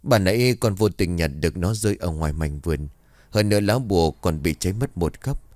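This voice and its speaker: A man's voice: animated, a little fast, a little mellow, no echo. A man voicing a grieving young widow who pleads tearfully. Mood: tearful, anxious. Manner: pleading, tearful, high-pitched when wailing. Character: grieving young widowed woman, anxious daughter-in-law.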